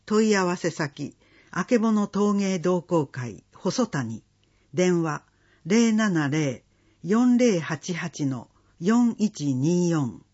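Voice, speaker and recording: Slow, husky reader of community listings. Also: mid-range voice. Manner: slow, measured listing of dates and phone numbers. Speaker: announcement reader. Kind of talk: reading community event listings. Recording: dull lo-fi recording.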